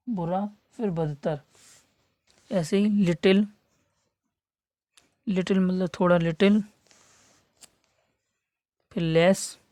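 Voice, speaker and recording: A man teaching a classroom lesson for exam prep, spelling words letter by letter and repeating key terms slowly for emphasis. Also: sits high, a little mellow, dry recording. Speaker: English teacher for competitive exams.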